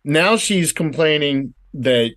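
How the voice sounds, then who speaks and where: A man's voice: on the high side, lively intonation, slow pace, fairly bright tone. A man chatting as a podcast panelist, opinionated and rambling, with frequent hesitations. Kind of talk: casual podcast chat.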